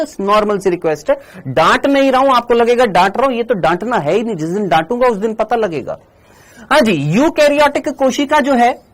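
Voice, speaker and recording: Man, online lecture, teacher, animated swooping pitch, rhetorical questions, firm friendly scolding. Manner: asks the class questions and answers them himself; mixes English terms into his talk.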